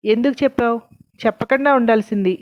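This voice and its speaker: A woman's voice: a little high, fairly even intonation, a little fast, lightly acted. A woman reading an irritated young lover. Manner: argumentative, impatient. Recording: dull lo-fi recording.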